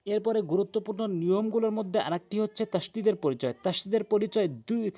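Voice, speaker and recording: Emphatic male recitation teacher with a high voice, drilling sounds by repetition. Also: warm tone. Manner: emphatic, repeats example sounds slowly. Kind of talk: explanatory lesson.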